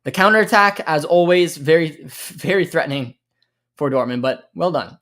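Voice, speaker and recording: A young man from the United States, his voice fairly high, fairly bright, and expressive, talks at normal speed while hosting a live football watchalong. He chats casually, reads viewer comments, reacts to what happens on the pitch, and thinks aloud with many fillers.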